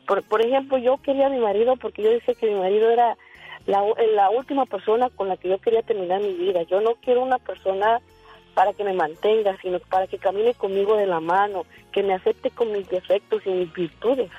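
A woman calls in to a radio show and speaks with earnest, heartfelt conviction. Her husky voice comes through a tinny, dry phone line, with faint music behind. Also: medium pitch, brisk, no echo. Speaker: caller. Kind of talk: phone-in testimony.

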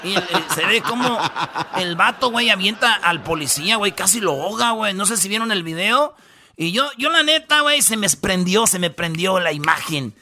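Slangy Mexican radio host, high bright voice. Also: male voice, animated, moderate pace. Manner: slangy, storytelling, lots of fillers. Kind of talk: casual comedic radio banter.

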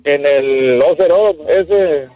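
Male Mexican radio caller, slightly high voice, casual storytelling, muffled low-fidelity line. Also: very slow, no echo. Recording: dull lo-fi call-in line, music behind. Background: music.

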